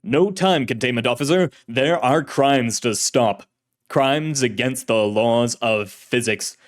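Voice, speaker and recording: A narrator acts out a shadowy male crime-fighter in old radio serial manner. He declaims in a deep, booming voice, pompous and righteous, with grand theatrical emphasis on his noble cause. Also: slow pace, close to an everyday voice. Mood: bombastic, righteous. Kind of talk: 1930s radio serial acting.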